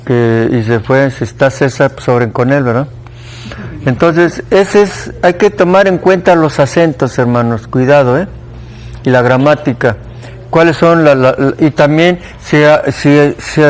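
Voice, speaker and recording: At a measured pace and in a mid-range voice, a man with a Mexican Spanish accent leads a church Bible class. His style is conversational, with questions put to the class and key points repeated.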